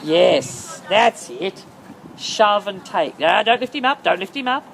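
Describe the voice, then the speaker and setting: Her medium-pitched voice is creaky, sing-song and slow as this woman, a horse-riding instructor, calls short, insistent commands again and again in an outdoor arena. The recording, made with a camera microphone, carries outdoor ambient noise.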